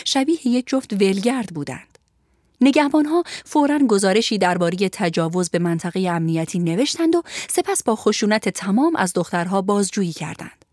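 Lively woman reading a story aloud. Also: mid-range voice, dry recording, clean studio sound. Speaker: narrator. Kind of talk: storybook narration.

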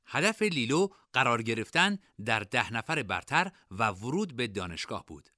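A man narrating a novel as an audiobook, with expressive, varied storytelling. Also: medium pitch, no room sound, clean studio sound. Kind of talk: scripted narration.

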